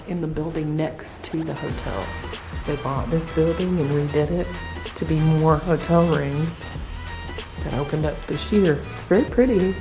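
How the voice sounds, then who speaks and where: A woman travel vlogger chatting casually while driving and giving a hotel room tour on a handheld camera. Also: low-pitched. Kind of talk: casual travel vlog chat.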